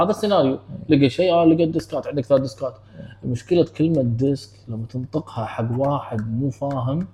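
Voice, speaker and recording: A man, speaking quickly at an ordinary male pitch. He hosts a casual clinical discussion and tells patient stories with lively acted-out exchanges. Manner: animated storytelling, acting out patient dialogue. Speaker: podcast host, clinician.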